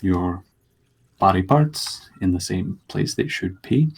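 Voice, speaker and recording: A man with a low, husky voice serves as game master for a tabletop role-playing session. His narration is slow and deliberate, broken by dramatic pauses between phrases, and his delivery is animated.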